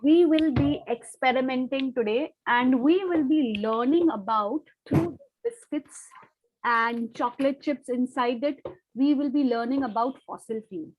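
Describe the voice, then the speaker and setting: A young woman teaching an online class on a video call, briskly coaxing and quizzing her pupils by name. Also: high voice, lo-fi sound.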